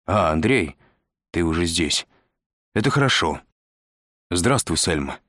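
A man doing an urgent, brusque man who snaps out his words. Low male voice with a dry, close sound. Audiobook reading. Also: sing-song, measured pace, a bit bright, dry recording, full character voice. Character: furious soot-covered man, brusque and urgent.

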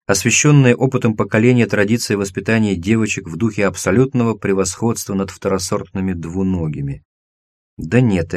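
A man narrating a science-fiction audiobook in a measured, expressive reading. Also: fairly low pitch, dry recording. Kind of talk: scripted narration.

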